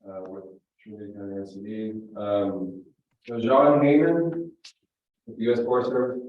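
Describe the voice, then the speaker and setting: A man takes roll at a hybrid meeting, his remote audio muffled, hollow and distant, like a phone line echoing up from a well. He speaks at a moderate pace in a fairly low, fairly even voice, stumbling often over ums and uhs.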